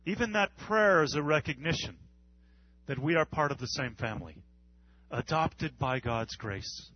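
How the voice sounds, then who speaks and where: A male pastor from the United States preaching an earnest sermon, with measured pauses and repetition. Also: on the high side, animated, highs cut off.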